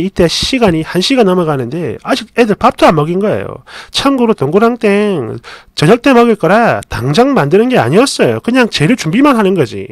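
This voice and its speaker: A man's voice: sits high, no echo. Chatty sardonic male storyteller. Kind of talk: first-person story narration.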